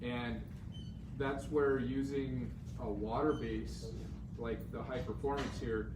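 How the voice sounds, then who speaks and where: A man's voice: medium pitch, fairly even intonation, slow pace. A man speaking through a face mask, giving an informal, easygoing live demonstration in a conversational, explanatory way. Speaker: woodcraft demo presenter, guitar maker. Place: busy store demo area, indoors. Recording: roomy, distant mic, loud crowd noise.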